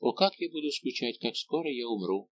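A man reading a soft, tender young woman in an audiobook, sighing and close to tears. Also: mid-range voice, lively intonation, fairly quick, a little hiss or hum, pitched above the performer's own voice, lightly acted.

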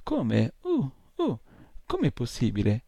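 A man's voice: mid-range voice, huge pitch swings, slow, vocal fry, warm tone, breathy edge, dry recording, exaggerated voice. A man voicing a fretful little male imp from a storybook, who whines and stammers. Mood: whiny, dismayed. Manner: whiny, stammering "uh, uh".

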